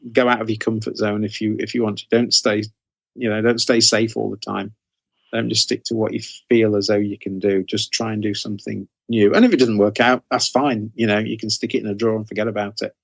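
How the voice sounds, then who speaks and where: Interviewed about his career as a writer, this middle-aged male guest speaks casually, with hesitant rephrasings throughout. His voice is lowish and creaky, and the audio carries no room sound.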